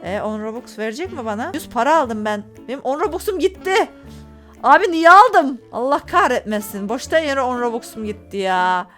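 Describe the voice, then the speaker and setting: A woman's voice: fairly high pitch, lively intonation, moderate pace, fairly bright tone, faint music behind. A young woman hosting a gaming channel, giving casual play-by-play commentary with dramatic, exasperated complaints.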